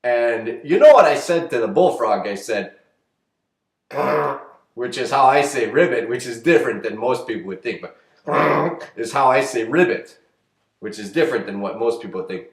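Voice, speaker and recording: A man's voice: medium pitch, lively intonation, fairly quick. Rambling folksy man. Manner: rambling folksy delivery with many fillers and restarts. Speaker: comedic vlogger. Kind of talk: deadpan comedic how-to monologue. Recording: echoey roomy sound.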